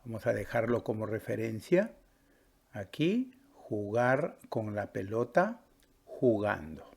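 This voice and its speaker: A man teaches a Spanish grammar lesson at a slow, deliberate pace. His voice is gravelly and a little husky. He checks in with the listener as he explains each step. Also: on the low side, very animated. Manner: patient, drawn-out, stops to ask "¿sí?" and "¿verdad?".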